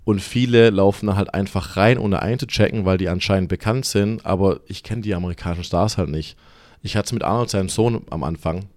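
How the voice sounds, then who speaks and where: A man in his thirties from southwest Germany, a podcast guest chatting casually and telling lively stories with English words mixed in. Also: deep voice, fairly quick, no room sound, studio quality. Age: 30s. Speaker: podcast guest, gym staffer. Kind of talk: casual chat.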